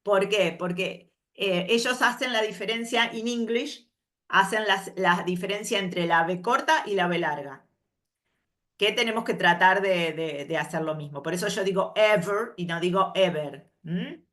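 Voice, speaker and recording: A woman teaching an English workshop, moving between explanations and carefully spoken English examples and checking in with a soft questioning "mm?" after each point. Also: medium pitch, a little slow. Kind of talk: slow explanatory workshop lesson.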